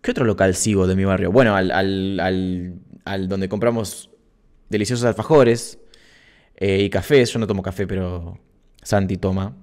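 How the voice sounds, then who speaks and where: A man's voice: sits low, steady tone, moderate pace, darkish tone. A man with an Argentine accent hosting a casual livestream, chatting playfully and reading out viewers' comments. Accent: Argentine Spanish (Rioplatense). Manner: chatty, playful, self-mocking asides. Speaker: livestream host. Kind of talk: casual live-stream chat reading comments.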